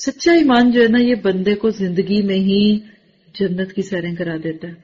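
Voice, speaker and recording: A man with a high, light voice gives an earnest scripture sermon. He chants Arabic verses slowly, then explains them plainly. The recording is muffled and lo-fi. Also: a little mellow, slightly rough. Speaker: preacher. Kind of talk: Quran commentary sermon.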